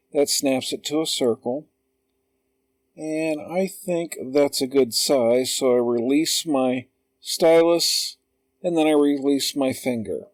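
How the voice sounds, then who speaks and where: A man narrates a digital drawing lesson over his screen recording, walking through each step in a calm, patient way. He speaks slowly and deliberately at a middle pitch. The sound is dry, with no room echo. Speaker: drawing tutor. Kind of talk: slow screen-recorded tutorial.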